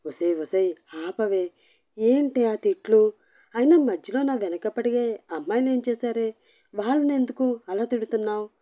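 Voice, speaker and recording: A woman's voice: medium pitch, moderate pace, lightly acted. A woman voicing an exasperated young husband who snaps and teases sarcastically. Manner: teasing, yelling.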